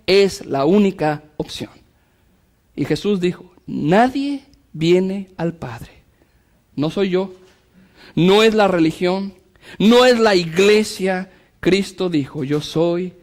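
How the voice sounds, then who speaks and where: Male pastor, high-pitched voice, preaching to a congregation with slow emphatic lines and quick asides. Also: animated, darkish tone. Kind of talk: sermon.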